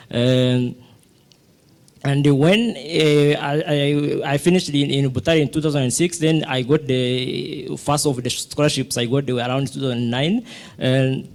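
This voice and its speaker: A man's voice: medium pitch, steady tone, unhurried, a little mellow. A middle-aged man from Rwanda speaking as a physicist on a panel, telling his story with many restarts and fillers. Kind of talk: panel talk, personal story.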